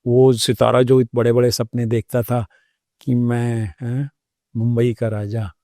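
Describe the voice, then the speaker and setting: A man, a doctor, telling his personal story as an interview guest, thoughtful and unhurried, with pauses and hesitations. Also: mid-range voice, little pitch movement, mellow, dry recording, studio quality.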